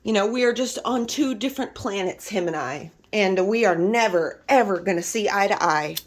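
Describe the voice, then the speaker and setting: A woman's voice: mid-range voice, expressive, normal speed. Exasperated woman venting to camera. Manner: emphatic, exasperated, swears freely. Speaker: vlogger. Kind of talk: casual venting monologue to camera.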